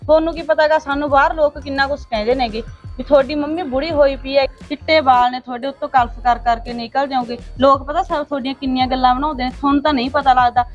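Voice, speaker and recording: A woman's voice: sits high, fairly even intonation, fast talker, muffled recording, soft background music, natural voice. A woman playing a scolding young daughter. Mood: reproachful. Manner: reproachful. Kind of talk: Punjabi village comedy drama.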